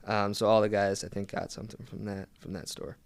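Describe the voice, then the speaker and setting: Young man, podcast guest, relaxed casual chat, low pitch, smooth clear voice. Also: fairly quick, no room sound. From Philadelphia. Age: young adult. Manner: easygoing, many "um"s and restarts. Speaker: guest, pro soccer player.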